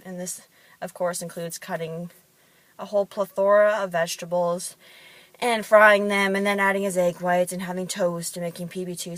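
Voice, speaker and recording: Chatty low-voiced woman telling stories. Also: no echo. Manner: chatty, with frequent ums. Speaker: fitness worker and bodybuilding competitor. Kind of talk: casual storytelling monologue.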